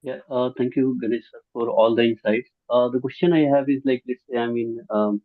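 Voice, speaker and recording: A man's voice: medium pitch, steady tone. Hesitant man on a tinny line. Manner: hesitant, many fillers, rushes ahead. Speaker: audience member asking a question. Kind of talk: online session Q&A. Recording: tinny phone-like call line.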